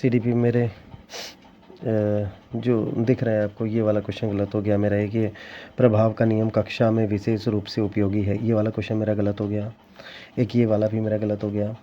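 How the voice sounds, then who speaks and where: A young man, a teacher exam candidate, shares his scores in a casual vlog, rambling, restarting often and sounding regretful. His lowish, dark voice has little pitch movement and a moderate pace. The lo-fi recording sounds dull, with faint ambience and slight background noise.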